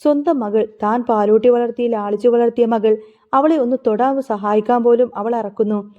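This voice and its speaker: A woman's voice: a little high, normal speed. A woman narrating a family drama story in an emotive, dramatic telling. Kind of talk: storytelling serial recap. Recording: phone-like narrow sound.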